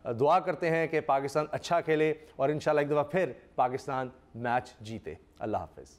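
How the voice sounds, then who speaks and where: A man from Pakistan hosts a live cricket discussion on television. His voice sits a little high for a man, and he speaks politely and at a measured pace, with the odd filler. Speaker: TV show host.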